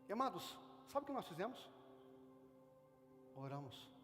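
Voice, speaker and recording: A man from Brazil with a Brazilian Portuguese accent, a pastor preaching a fervent sermon at a church service, swelling loud on key phrases. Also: extremely high pitch, brisk. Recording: long reverb with faint music.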